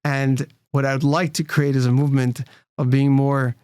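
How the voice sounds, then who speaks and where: A man's voice: mid-range voice, flat delivery, normal speed, a little mellow, clean tone, no room sound, clean studio sound. A man, a rabbi and nonprofit leader, speaking as a guest, earnest and explanatory, often restarting his phrases. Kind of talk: interview conversation.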